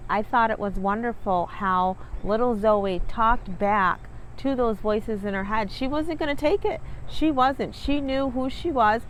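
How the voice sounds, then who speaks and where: The recording is rough, with slight hiss or hum, as a woman whose voice is on the high side hosts a children's read-along. She reads the story aloud and talks encouragingly to viewers in warm asides, with music playing underneath.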